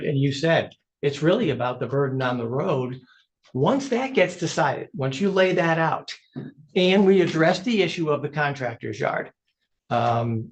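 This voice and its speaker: A man making a legal argument to a judge as an attorney, in short, emphatic points. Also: fairly high pitch. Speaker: attorney arguing before a judge. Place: courtroom.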